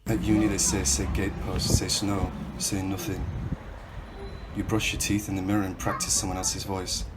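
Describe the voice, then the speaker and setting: A man from Hull, England, reading his own literary prose in the second person with a measured, reflective, questioning delivery. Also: low voice, level tone, very noisy.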